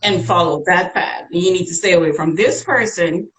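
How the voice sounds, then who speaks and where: A woman in her forties speaks English with a Dutch accent, her first language being Dutch. Her voice sits a little low, and she talks in a frank, unhurried, reflective way. She is chatting casually as a guest. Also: a bit bright, poor audio. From Suriname. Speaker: guest entrepreneur. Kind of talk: casual interview chat.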